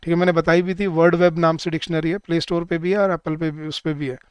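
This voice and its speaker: A man teaching a live online class for bank exam students, speaking Hindi, repeating each word slowly and drilling the rules, with words said. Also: fairly high pitch, flat delivery, smooth, no echo.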